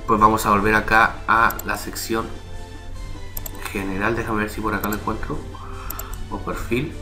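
A man with a somewhat low voice narrates a screen recording, walking viewers through a website in a relaxed, explanatory way. He keeps checking in with quick asides to his audience. Music plays clearly beneath his desktop-mic voice. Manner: casual, explanatory, frequent "¿ya?" and "¿vale?" check-ins. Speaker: tutorial host. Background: background music.

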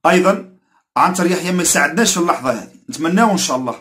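A man's voice: fairly high pitch, expressive, rapid-fire, fairly bright tone. A man speaking with an Algerian Arabic accent, giving an emphatic football opinion rant to camera. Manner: emphatic, repetitive, indignant warnings. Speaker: football commentator.

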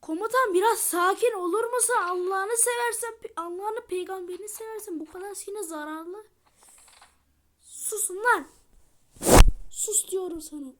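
A woman voicing every role of an amateur game drama in a heated, shouty, slangy way. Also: very high-pitched, moderate pace.

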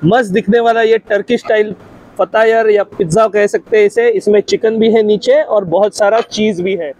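A man's voice: sits high, fairly even intonation, normal speed, darkish tone. A middle-aged Indian man hosting a casual food vlog, talking with enthusiasm on a lapel mic at an open-air restaurant. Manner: enthusiastic, mixes Hindi and English. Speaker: food vlogger host.

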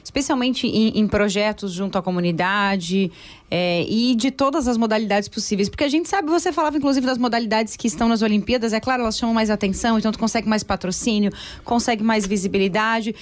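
A woman's voice: medium pitch, quick pace. A woman from Brazil hosting a radio interview, chatty and affirming in a conversational way. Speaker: radio show host.

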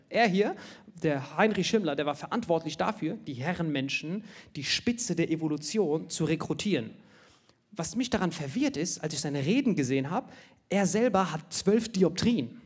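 A man from India doing a stand-up comedy set, animated and jokey, who keeps tossing quick tag questions at the crowd. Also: sits high, breathy edge.

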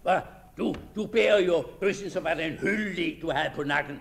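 A man's voice: a little high, vocal fry. A man voicing a young hunting servant who teases and scorns a clumsy beginner, in a dramatic reading. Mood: mocking. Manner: teasing, scornful.

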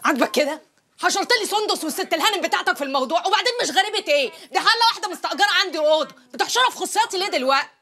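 Brief: fiery young woman, very high, rapid and bright. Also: lively intonation, heavily acted. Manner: fast, fiery, defiant. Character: hot-headed young woman breaking off an engagement.

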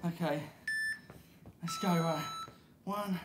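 Working out while he coaches, a breathless man in his 30s speaks slowly in a slightly high, steady voice, delivering brief motivational cues. The indoor gym studio's hard floor makes the room echoey, and background noise is audible.

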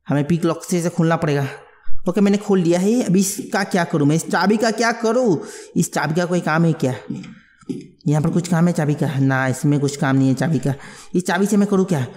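A man giving jumpy, excitable let's play commentary on a horror game, mixing English words into his talk. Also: a little high, long reverb tail. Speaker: gamer.

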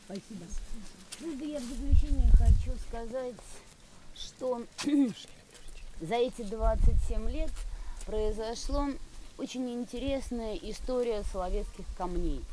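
A woman's voice: a little high, takes it slowly. Middle-aged woman addressing an outdoor gathering. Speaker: rally organiser giving closing remarks. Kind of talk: unscripted public address. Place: outdoors in a park by memorial stones. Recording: clear outdoor background noise.

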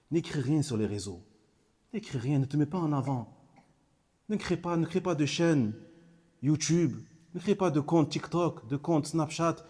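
A man's voice: medium pitch, a little mellow, husky. A man giving a religious lesson, repeating key phrases for emphasis and mixing in short Arabic phrases. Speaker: Islamic teacher. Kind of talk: religious lesson commenting on a hadith text.

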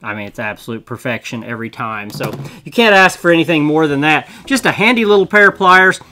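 A man's voice: on the high side, lively intonation, a little fast, sharp tone, a little hiss or hum. A middle-aged man casually explaining and demonstrating a tool in a small indoor studio, chatty and folksy. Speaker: tool reviewer. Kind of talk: casual product demo.

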